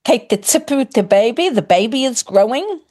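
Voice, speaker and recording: In a casual talk that switches between Māori and English, a guest primary school teacher, middle-aged and New Zealand-accented, walks through examples one after another the way a teacher would. She has a fairly high voice and remains friendly and even as she pauses, rephrases and restarts.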